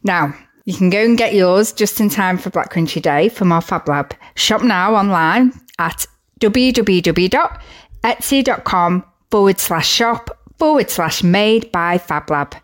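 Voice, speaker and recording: A woman's voice: medium pitch, expressive, unhurried. A woman presenting a scripted charity update in a chatty, upbeat way, with casual asides.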